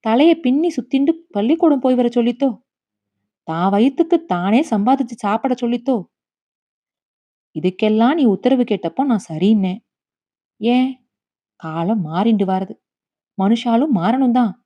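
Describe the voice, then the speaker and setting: A woman's voice: fairly high pitch, expressive, normal speed, pauses often, lo-fi sound. A woman voicing a grieving old grandmother. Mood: pleading. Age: over 60. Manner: anguished, scolding then quietly bitter. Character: grieving elderly Brahmin grandmother, stubborn yet tender.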